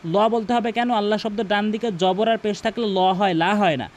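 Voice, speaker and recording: High-voiced man teaching Quran recitation. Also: fairly even intonation, a little hiss or hum. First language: Bengali. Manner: repeats words slowly and drawn out for practice. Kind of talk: recitation lesson.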